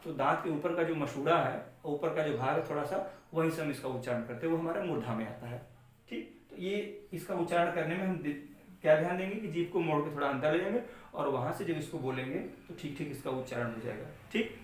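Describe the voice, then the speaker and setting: Man teaching in an echoey room. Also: a little high. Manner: explains slowly, asks and answers own questions. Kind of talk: classroom lesson on pronunciation. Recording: far-off mic in echoey room.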